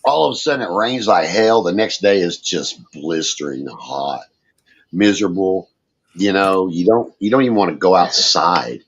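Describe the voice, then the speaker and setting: A man's voice: low voice, expressive, moderate pace, slightly rough. Folksy man in his fifties. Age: 50s. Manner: folksy, swears casually. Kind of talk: casual chat. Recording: dull, muffled sound.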